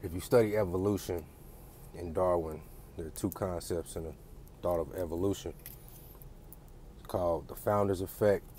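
A man's voice: deep voice, a little mellow, slight background noise. A man giving a blunt, profane, lecturing rant straight to his audience. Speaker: vlogger. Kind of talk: casual ranting monologue.

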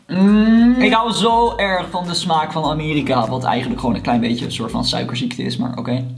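A YouTuber unboxing a mystery box, animated and exclaiming loudly, with English words thrown in. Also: medium pitch, moderate pace, vocal fry. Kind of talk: excited unboxing vlog. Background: background music.

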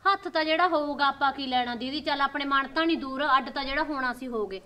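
Woman playing a troubled village mother with a rural Malwa Punjabi accent. Fast, high, bright voice. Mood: aggrieved. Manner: emotional, complaining outpouring. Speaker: mother worried about her daughter's marriage.

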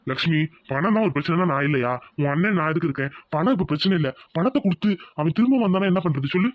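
A man's voice: on the high side, expressive, quick pace, no room sound, lightly acted. A man voicing a protective elder brother in a cartoon, firm and reassuring. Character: protective elder brother, village head of family. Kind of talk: cartoon voice acting.

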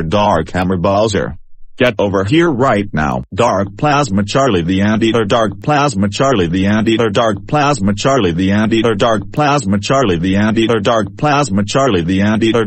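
A man voices a stern cartoon grown-up who monotonously repeats names and orders the kids over. The voice is on the low side and sounds flat. The sound is dry. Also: no echo.

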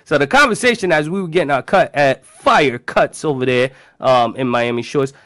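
A man's voice: medium pitch, moderate pace, a bit bright, no echo. A man in his thirties with a Brooklyn accent hosts a radio show from a studio, bantering casually in slang, swearing and repeating his phrases. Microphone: close studio microphone with headphones.

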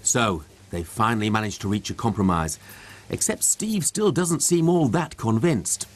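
A man giving scripted documentary narration in a wry, measured way. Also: lowish voice, expressive, slight background noise. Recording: narration over loud music.

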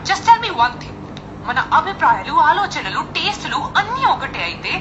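A woman's voice: high-pitched, sing-song, moderate pace, dull audio, over music. An actress playing a feisty young woman who teases and confronts her partner. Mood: teasing. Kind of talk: film dialogue.

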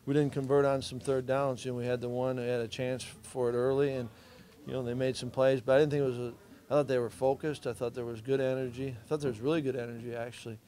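A man's voice: medium pitch, flat delivery, fast talker, hardly any pauses, dark tone, a little hiss or hum. A middle-aged man, a head football coach, giving plainspoken, understated answers at a postgame press conference.

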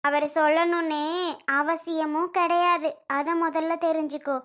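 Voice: very high-pitched, little pitch movement, unhurried, fairly bright tone. A performer playing an angry, proud middle-aged sister-in-law who keeps firing accusing questions in a family drama skit. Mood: indignant. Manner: accusing, demanding, repeats her questions.

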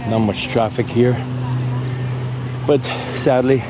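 A man in his forties talks casually to viewers as a travel vlogger, walking outdoors through sunny island streets with a handheld camera. He repeats himself and tosses out relaxed asides. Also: mid-range voice, slow. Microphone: action camera held at arm's length while walking. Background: street and vehicle noise.

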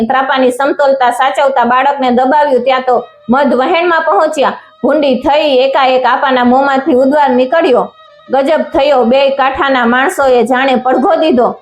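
Female storyteller, high-pitched, dramatic folk-tale reading in a roomy space. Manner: dramatic storytelling, a few slips and restarts. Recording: echoey room with faint music.

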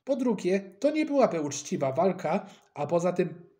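A man's voice: sits high, sing-song, moderate pace, warm tone, voice pushed up. A man voicing a boastful schoolboy who is proud of his judo, talking in a cocky, dismissive way. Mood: irritated.

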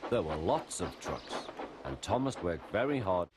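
Low-voiced male storybook narrator. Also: big pitch swings, unhurried, very noisy. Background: music.

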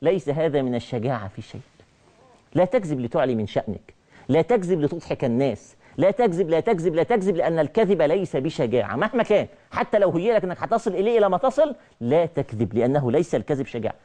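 A middle-aged man with an Egyptian Arabic accent giving a televised religious lecture, animated and repeating his key phrases. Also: a little high, fast talker.

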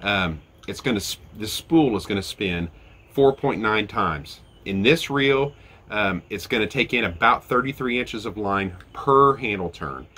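Recorded up close on an outdoor deck, this fishing channel host in his forties chats through a gear review step by step, fillers and all. His lowish voice is animated, sharp, and a little slow, and a head cold makes it stuffy and nasal.

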